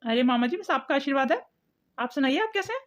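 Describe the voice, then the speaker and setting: A woman's voice: high voice, expressive, fast. A woman voicing a friendly young husband in a cartoon, respectful and cheerful.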